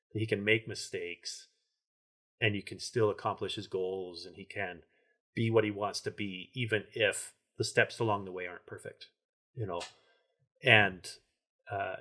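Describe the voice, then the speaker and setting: A man hosts a podcast conversation with a lowish voice. He speaks reflectively and measuredly, padding his questions with small fillers. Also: pushed and bright. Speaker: podcast host.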